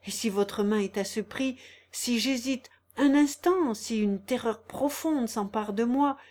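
A woman's voice: fairly high pitch, darkish tone, lightly acted. A woman reading the part of an impassioned young man in an audiobook, in a fervent, pleading way.

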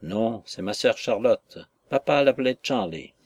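A man's voice: medium pitch, lively intonation, a little slow, darkish tone, slightly rough. A man reading the part of a small, thin boy in an audiobook, giving short childlike replies. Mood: plain. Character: small thin boy, timid but brave.

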